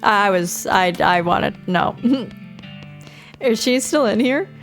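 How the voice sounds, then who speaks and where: A woman's voice: medium pitch, animated, slow, faint music behind. A woman doing casual video game playthrough commentary, reading the on-screen text aloud and adding her own remarks.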